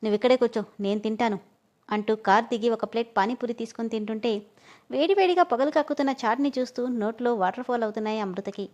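A woman reading a romantic story aloud in a steady, expressive way. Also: fairly high pitch, fast talker, dull audio.

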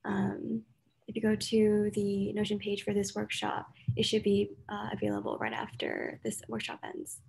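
Young woman moderating, with vocal fry. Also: mid-range voice, moderate pace, darkish tone, rough recording. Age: 20s. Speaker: workshop host, moderator. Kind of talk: casual moderating. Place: indoors on a video call.

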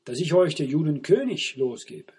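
A man voicing Pilate in a scripture reading, asking measured questions. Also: fairly high pitch, big pitch swings, darkish tone, husky, heavily acted. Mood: questioning.

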